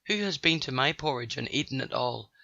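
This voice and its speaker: A man's voice: medium pitch, animated, fairly quick, creaky, bright, forceful tone, no echo, lo-fi sound. A man doing a small-voiced bear cub. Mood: fretful.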